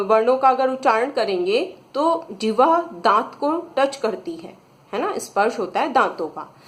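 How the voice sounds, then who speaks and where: A woman teacher, patiently reading out exercise questions to children and explaining each answer. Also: fairly high pitch. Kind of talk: slow explanatory lesson.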